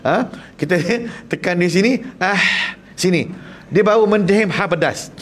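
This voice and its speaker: A man's voice: sits high, measured pace. A man with a Malaysian Malay accent teaching Quran recitation, asking the class questions and demonstrating sounds. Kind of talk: lively tajwid lesson with jokes. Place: classroom or lecture hall.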